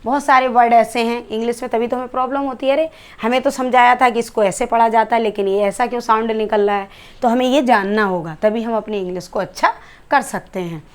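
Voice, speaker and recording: Speaking fairly quickly in a slightly high, steady voice, a woman teaches English with an Indian accent. She explains letter sounds one step at a time, classroom style, tossing in rhetorical questions.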